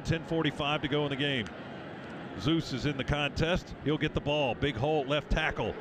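A man calling American football as a radio play-by-play announcer, in clipped, vivid running phrases. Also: fairly high pitch. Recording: stadium radio broadcast, clear background noise.

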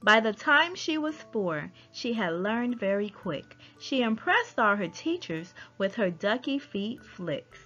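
In a medium-pitched voice, a woman unhurriedly reads a rhyming picture book for children, her storytelling lively with animated changes in pitch. The recording is muffled and lo-fi, with music faintly in the background.

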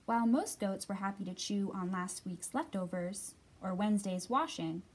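A librarian in her thirties hosts a children's storytime, reading a picture book aloud and talking expressively to young listeners. Her medium-pitched voice moves at a normal speed and sounds slightly rough.

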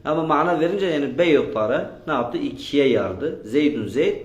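A man's voice: on the high side, animated, a little fast. Male teacher, quizzing students, repeats answers, echoey room. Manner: drills students with repeated questions. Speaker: Arabic grammar teacher. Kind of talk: classroom lesson with question and answer.

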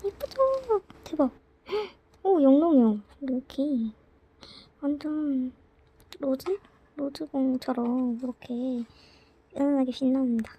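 High-pitched excitable young woman unboxing. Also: slow pace, pauses often, poor audio. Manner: excitable, gasping and squealing over merch. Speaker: vlogger. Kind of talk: casual unboxing vlog.

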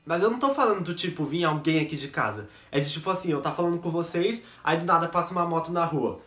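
A man's voice: fairly high pitch, quick pace, a bit bright, echoey room. A young man from São chatting casually to camera in a jokey, self-mocking vlog, recorded at home on a basic camera mic. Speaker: YouTuber. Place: bedroom set at home.

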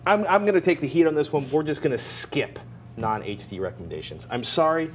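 This American co-host, in his forties, speaks at a fairly high pitch with lively intonation and a fairly quick pace. He's in an indoor TV studio giving relaxed tech commentary and sponsor reads, with a little background noise.

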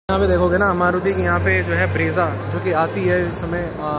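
This man's voice is on the high side, and the clip is very noisy from the loud crowd ambience of a busy indoor auto expo. He walks viewers through the new cars in a casual, chatty way, speaking straight to them and calling them brother.

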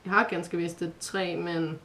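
A woman's voice: fairly low pitch, flat delivery, a bit bright. A woman voicing a shy young male dream spirit in a storybook reading, hesitant and apologetic. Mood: earnest.

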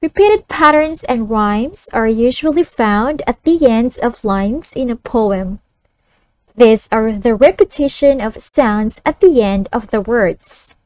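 A woman teacher narrating a scripted lesson and reading poems for young children in a deliberate, instructive way. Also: on the high side, animated, a little mellow, no room sound. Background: music.

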